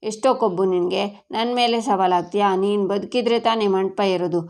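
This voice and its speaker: A woman's voice: medium pitch, steady tone, a little fast, natural voice. A woman voicing an enraged grieving father. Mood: furious. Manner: furious threatening shouts. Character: enraged grieving father, middle-aged man.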